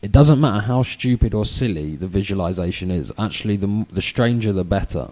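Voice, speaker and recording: British guy w chavvy accent, deep n soft-edged voice, rambly casual podcast talk. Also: animated, brisk. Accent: British, self-described chavvy. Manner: informal and rambling, many "you know"s. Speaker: podcast co-host. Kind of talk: casual educational chat.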